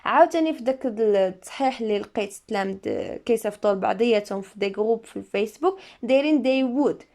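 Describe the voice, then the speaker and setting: A young woman with a Moroccan Arabic accent, correcting an English exam. She reads each English sentence slowly, then explains and translates it. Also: on the high side, a little mellow. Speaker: English teacher.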